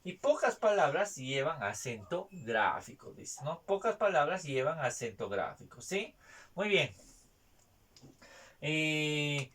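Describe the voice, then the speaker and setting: Man teaching with lively pitch. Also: takes it slowly. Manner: repeats points, tag questions after each phrase. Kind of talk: spelling lesson. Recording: distant mic, faint noise.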